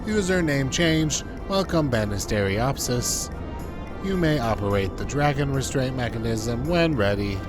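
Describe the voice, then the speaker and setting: Robot voice: a man playing a flat, dutiful machine terminal, slow and clipped, over clear game music. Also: medium pitch. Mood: robotic. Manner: clipped monotone announcements. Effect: robot voice done by mouth, no filter. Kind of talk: voicing game dialogue while playing.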